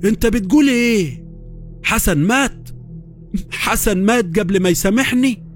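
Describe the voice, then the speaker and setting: A frail old grandfather in his seventies with an Upper Egyptian accent, voiced by a man. His thin, tremulous voice sits high and pleads with raw remorse, with faint music behind it in this horror audio story. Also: expressive, normal speed. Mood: tearful, shocked. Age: 70s. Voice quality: weak, tremulous. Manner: emotional, pleading.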